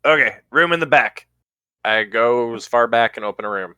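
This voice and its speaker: A man's voice: medium pitch, normal speed, sharp tone, clean tone, no room sound. A man playing a tabletop role-playing game, joking and playful in character. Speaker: player.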